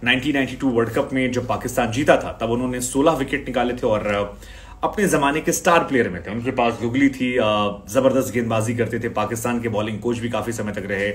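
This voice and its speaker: A man's voice: mid-range voice, a little fast. A man hosting a cricket channel who talks straight to his viewers in a conversational news-commentary style, reading out and summing up posts.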